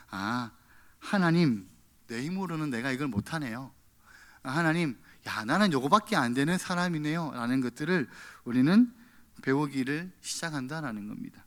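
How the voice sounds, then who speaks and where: A man's voice: fairly high pitch, animated, normal speed, a bit bright. A male pastor preaching a sermon in church, acting out the quoted prayers in a raised voice.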